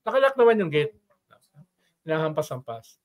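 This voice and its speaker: A man's voice: on the high side, sing-song, normal speed. An older man discussing politics in a casual talk show, explaining at length and tagging sentences with "no?".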